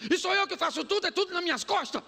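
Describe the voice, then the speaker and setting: A woman's voice: animated, creaky, sharp tone, big-room sound, exaggerated voice. A man preaching voices a scolding, complaining wife in a funny story told from the pulpit. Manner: shrill, complaining, quick. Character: scolding, nagging wife, adult woman.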